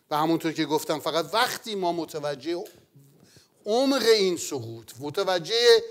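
A man preaching a sermon in an earnest manner, rising to loud exclamations and then falling to near-whispers. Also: fairly high pitch. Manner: earnest, swells loud then drops to a hush.

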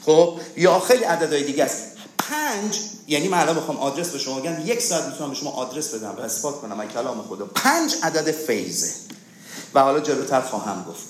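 A man's voice: on the high side, very animated, echoey room, slight background noise. A man preaching a sermon, asking rhetorical questions and calling for amens. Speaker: pastor.

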